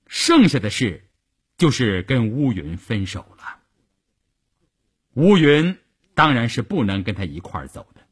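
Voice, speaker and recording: A man reading a long serial story for radio, with expressive, acted-out narration. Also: medium pitch, a little slow, long pauses, slightly rough.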